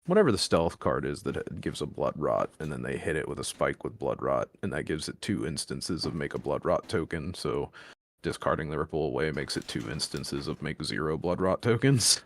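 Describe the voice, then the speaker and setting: A man's voice: a bass voice, lively intonation, fairly quick. An American man in casual chat, explaining things in detail and pressing his point. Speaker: podcast co-host. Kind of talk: casual chat about card games.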